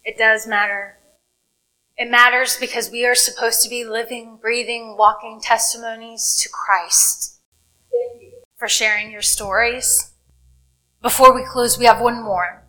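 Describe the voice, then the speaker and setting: A woman pastor preaches in a church sanctuary, her voice bright and a little high. She speaks slowly and deliberately, pausing for weight and building each phrase toward a strong point. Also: steady tone, low-quality recording. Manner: preaching with dramatic pauses and rising emphasis. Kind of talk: sermon.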